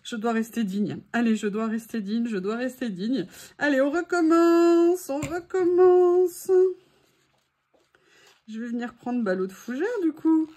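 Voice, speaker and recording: High, husky-voiced woman crafting chat. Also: normal speed, few pauses, dark tone. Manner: self-mocking, laughs at her own mishaps, talks to viewers. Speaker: craft video host. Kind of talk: chatty craft tutorial.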